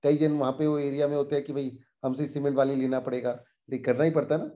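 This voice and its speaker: A man hosting a casual explainer on current affairs, talking in an animated, indignant way and dropping English phrases into his talk. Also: mid-range voice, fast, dull audio.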